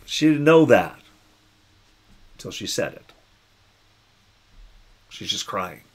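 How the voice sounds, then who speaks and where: Man, pastor, husky low voice, musing conversational Bible reflection. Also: big pitch swings, takes it slowly.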